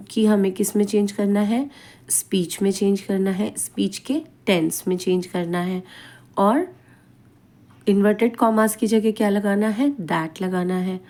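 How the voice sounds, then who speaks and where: A woman teaching English grammar in a classroom-style lesson, explaining step by step, asking questions and answering them herself with a frequent "right?", and reading English example sentences slowly. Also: mid-range voice, dark tone.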